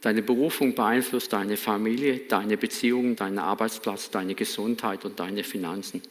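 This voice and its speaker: German pastor preaching in a reverberant hall. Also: male voice, on the low side, steady tone, moderate pace. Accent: Baden German. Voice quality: earnest, emphatic preaching with repeated phrases. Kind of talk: sermon. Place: church hall.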